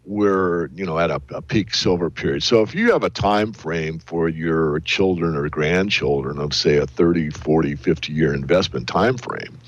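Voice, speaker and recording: A man answering interview questions in a deliberate, hedging, analytical way. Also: a bass voice, highs cut off. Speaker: interview guest, silver analyst.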